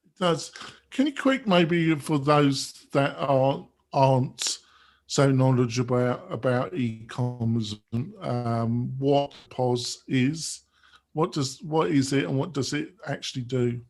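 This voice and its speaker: At a slow pace and medium pitch, a man hosts a tech podcast. He introduces guests and reads sponsor messages in an upbeat style much like an announcer.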